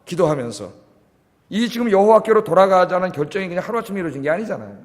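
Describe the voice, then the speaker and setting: Lively high-voiced pastor preaching in a hall. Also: male voice, quick pace. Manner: asks the congregation questions and answers them himself; drops to a near-whisper at the ends of phrases. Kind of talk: sermon. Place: church sanctuary. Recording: long church reverb.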